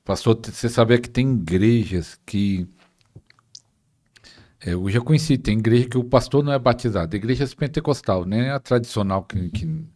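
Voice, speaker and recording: A man's voice: mid-range voice, moderate pace, darkish tone. A man with a Brazilian Portuguese accent, hosting a podcast and asking a pastor questions. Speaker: podcast host. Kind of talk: interview questions.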